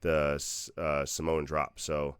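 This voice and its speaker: Male co-host, deep smooth voice, blunt and opinionated. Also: completely flat delivery, slow, no room sound, clean studio sound. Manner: opinionated and emphatic, swears casually. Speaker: podcast co-host. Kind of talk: casual chat.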